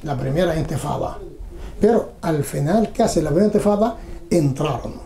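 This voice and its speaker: Middle-aged man, dark gravelly tone, slow halting testimony, roomy echo. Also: fairly high pitch, expressive. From Palestine. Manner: measured, halting, with pauses. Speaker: documentary interviewee. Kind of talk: personal testimony. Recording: roomy echo, faint background hum.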